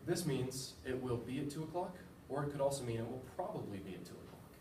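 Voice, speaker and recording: This is a quick-paced, mid-range male voice with lively intonation. The young American speaker presents to a class in a casual, informative way, using a few fillers and self-deprecating remarks, captured from a distance in an echoey, noisy room.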